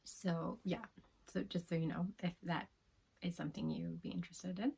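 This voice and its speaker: A woman casually reviewing manga, talking softly in a half-whisper with frequent giggles and plenty of fillers and restarts. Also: lowish voice, steady tone, moderate pace, vocal fry, slight background noise, poor audio.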